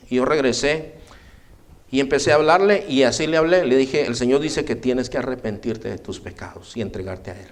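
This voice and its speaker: A man with a Guatemalan accent preaching a sermon, telling stories with acted quotes and often calling out to the brethren. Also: medium pitch. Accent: Guatemalan Spanish. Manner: lively storytelling with acted quotes, addresses "hermanos".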